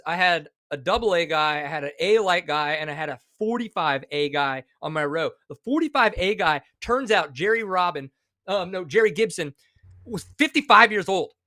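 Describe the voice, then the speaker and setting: A man in his forties, a podcast co-host, talking in an excitable, animated casual chat. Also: sits high, dry recording, studio quality. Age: 40s.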